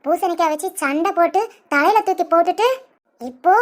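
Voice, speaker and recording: A woman voicing a sharp-tongued village woman in a cartoon, scolding and name-calling. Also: extremely high pitch, brisk, a little hiss or hum. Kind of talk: cartoon voice acting.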